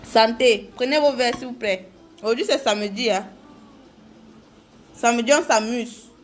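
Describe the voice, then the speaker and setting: A woman's voice: a little high, measured pace, faint music behind. Chatty woman doing a live makeup tutorial. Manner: chatty, greets viewers by name.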